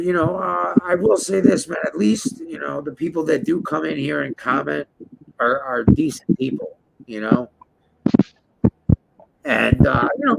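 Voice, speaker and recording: A man hosting a casual livestream chat, blunt and heavily profane in a buddy-like way, with a gravelly, creaky voice. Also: fairly high pitch, a bit bright. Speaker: host of a livestream. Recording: dull lo-fi stream audio, clear background noise.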